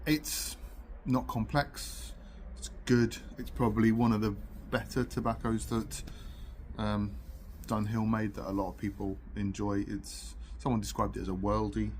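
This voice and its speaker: A British man smokes a pipe while casually reviewing on camera, his voice fairly low and darkish with a level tone and normal speed. With only the built-in camera microphone used, the recording is noisy.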